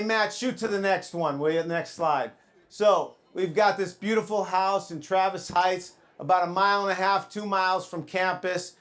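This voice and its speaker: A man working as a live auctioneer, calling out bids to a room and teasing the bidders like a showman. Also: sits high.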